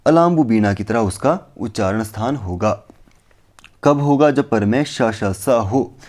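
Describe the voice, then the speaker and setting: A man teaching a lesson, explaining points step by step and asking himself questions before answering. He recites verses slowly and carefully. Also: medium pitch, animated, a little mellow. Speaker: Sanskrit teacher. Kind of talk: explanatory lecture on phonetics.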